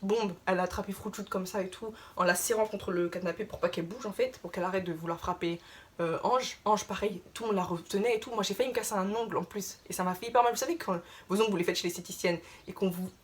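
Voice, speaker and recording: Fast-talking young woman telling a story. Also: medium pitch. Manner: chatty, animated retelling full of filler tags. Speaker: vlogger. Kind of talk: casual storytime.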